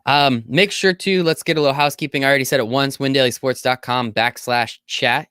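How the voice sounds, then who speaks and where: A man co-hosting a sports betting podcast, talking in an energetic, jokey way and swearing casually. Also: mid-range voice, smooth, no echo, studio quality. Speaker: podcast co-host.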